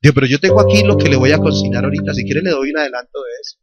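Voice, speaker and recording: A Colombian-accented pastor tells a personal story with quoted dialogue during his sermon, then rises to fervent call-and-response, calling out questions to the church hall. His voice is on the high side, rapid-fire and lively in intonation. The sound is lo-fi, with loud worship music in the church recording.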